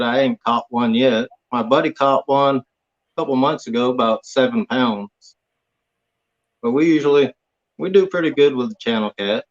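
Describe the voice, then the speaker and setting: A man from Hawaii, a guest on a chat show, talking in a laid-back, plain-spoken way with short answers. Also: mid-range voice. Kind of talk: casual interview chat. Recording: dull lo-fi audio.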